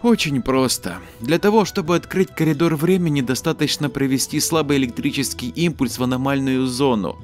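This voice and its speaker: A man's voice: mid-range voice, brisk, hardly any pauses, soft background music, voice pushed up, lightly acted. A man voicing a practical, self-assured young woman who turns snappish when irritated. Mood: easygoing. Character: young woman time traveller, sharp and practical.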